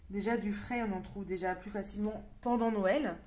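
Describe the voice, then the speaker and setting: A woman's voice: mid-range voice, steady tone, normal speed, a little mellow. A young French woman chatting casually in a coloring vlog, with lots of fillers and restarts. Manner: mutters counts half-whispered to herself. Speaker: coloring vlogger. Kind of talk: casual chat while coloring.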